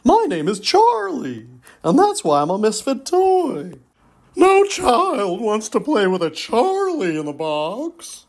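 A proud jack-in-the-box puppet guard, as a woman reader puts him on talks in a raised, springy voice. She keeps it slow and breathy with a lively pitch. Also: full character voice.

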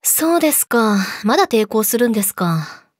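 A young woman playing a yandere girlfriend in a role-play audio drama, politely sweet, possessive and menacing, slipping into breathy whispers, close to the mic. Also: a little high, big pitch swings, moderate pace, dry recording. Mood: teasing, domineering. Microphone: close studio mic, dry.

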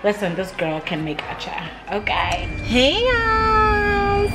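A young woman chatting casually to a handheld camera for her vlog, animated and laughing between phrases. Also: medium pitch, low-quality recording. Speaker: vlogger. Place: gym, kitchen and parked car. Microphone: handheld camera at arm's length. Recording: loud music playing behind her.

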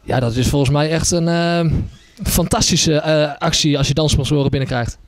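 In a dry recording, a slightly high, steady voice comes at normal speed from a twenties-aged hockey trainer who also organizes events. Holding a handheld mic in a small indoor café, he gives a casual promo interview, hesitating often and leaning on fillers.

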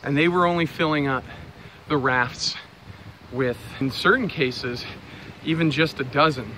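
A man's voice: fairly high pitch, unhurried, sharp tone. A young man talking casually into a handheld camera as he walks outdoors, musing aloud with frequent fillers. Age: young adult. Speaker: vlogger. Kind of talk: casual walking vlog monologue. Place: outdoors on city streets and trails. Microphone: phone or camera held at arm's length. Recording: outdoor street noise behind. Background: traffic and outdoor ambience.

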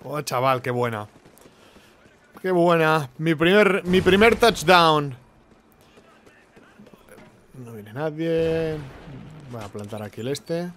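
Man, young adult, gameplay commentary, excitable, repeats words, slightly high pitch. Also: slow, long pauses, slight background noise. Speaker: gaming YouTuber.

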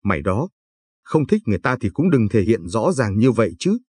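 A man's voice: fairly low pitch, very animated, a little fast, warm tone, slightly rough, no room sound. A man voicing a kindly old village grandfather in a told story, talking in a patient, advising way.

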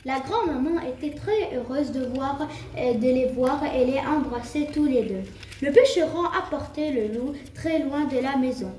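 A woman's voice: high voice, unhurried, a little mellow, far from the mic, a little hiss or hum. A woman reading a fairy tale aloud for a school puppet show, with a few restarts. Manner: storybook reading with occasional restarts and fillers. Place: school room. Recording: roomy, faint background ambience.

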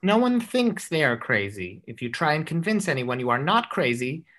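A woman voicing a calm, matter-of-fact female hospital staffer who speaks in a measured way. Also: low voice, pitched below the performer's own voice, full character voice.

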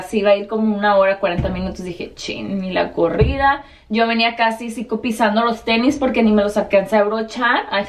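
A young Mexican woman recounts her story for her vlog, her voice sitting slightly high. She keeps it lively, slipping into quoted voices for every exchange. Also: a little hiss or hum. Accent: Mexican Spanish. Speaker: vlogger. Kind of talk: storytelling to camera.

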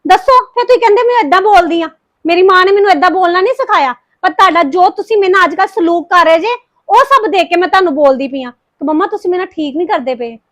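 A woman acting as a heartbroken young wife in a family drama, who speaks with a Punjabi accent and pours out rapid, reproachful complaints against her in-laws. Her voice sits very high. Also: lively intonation, a bit bright. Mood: bitter, accusing. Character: grieving young wife confronting her mother-in-law. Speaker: daughter-in-law Harpreet.

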